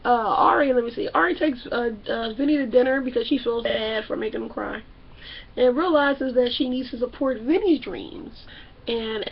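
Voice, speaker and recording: A woman's voice: fairly high pitch, vocal fry, highs cut off, a little hiss or hum. A woman hosting a casual comedic TV recap in a brash, profane way, putting on voices for the people she describes. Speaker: TV show recap host.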